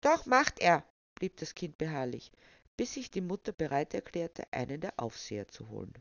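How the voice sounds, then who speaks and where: Someone reading a funny story out loud, steady and wry, muffled lo-fi recording, super dry. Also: mid-range voice, a little fast, creaky, no echo. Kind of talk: reading a humorous story aloud.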